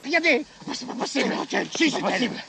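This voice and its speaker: A man playing a panicky, excitable subordinate in a comedy film, shrieking and stammering frantically. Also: extremely high pitch, fast talker, vocal fry, very noisy, full character voice. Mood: frantic.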